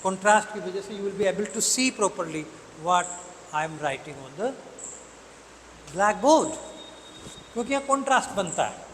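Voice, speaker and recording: Slow, deliberate teacher. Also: male voice, high voice, animated, a bit bright, big-room sound, slight background noise, poor audio. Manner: mixes Hindi and English, checks understanding often; slow, deliberate, spells words out. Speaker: English literature teacher. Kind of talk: classroom poetry lecture.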